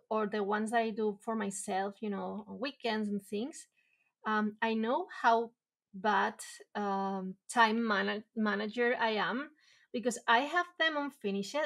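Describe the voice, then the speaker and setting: A woman whose first language is Spanish streams herself drawing from a home room, chatting casually in a slightly high voice. She rambles, laughs at herself, and uses many fillers and restarts.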